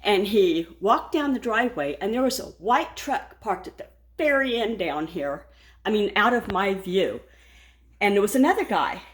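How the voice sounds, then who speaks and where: A woman vlogging from her home kitchen, talking casually while she bakes, rambling and laughing often, a little shaken and frazzled. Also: mid-range voice. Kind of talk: casual chat while baking.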